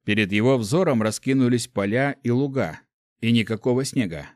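A man narrating an audiobook chapter in an even, measured voice of middling pitch. He is recorded close to the mic, with a dry, roomless sound. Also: dry recording. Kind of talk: scripted narration.

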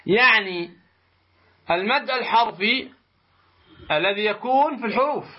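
A man teaching a tajweed lesson, explaining slowly and deliberately, pausing to pose rhetorical questions to his students. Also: high voice. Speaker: Quran recitation teacher. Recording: muffled lo-fi recording.

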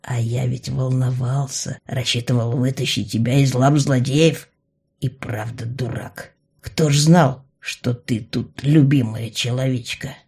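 A woman's voice: extremely low pitch, steady tone, measured pace, few pauses, a little mellow, breathy edge, exaggerated voice. A woman voicing a sly, mocking young male mage who drawls and teases. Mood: drawling. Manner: drawling, teasing.

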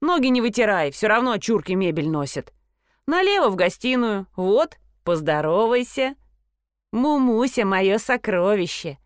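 A woman voicing a brash, crude, squabbling rich blonde woman who talks in loud, shrill, slangy outbursts. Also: sing-song, measured pace, no echo, clean studio sound. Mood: bossy.

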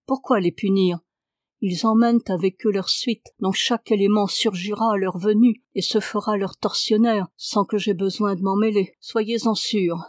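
A woman reading the lines of a calm, sorrowful clairvoyant English lord, speaking softly and gravely in her own voice. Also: medium pitch, normal speed, dry recording, clean studio sound, lightly acted. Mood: gentle, grave. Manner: soft, gentle and grave.

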